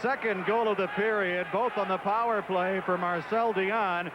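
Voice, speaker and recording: A man's voice: high voice, steady tone, moderate pace, heavy background noise. A man giving hockey commentary, recapping the plays and statistics. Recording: muffled vintage broadcast with loud music.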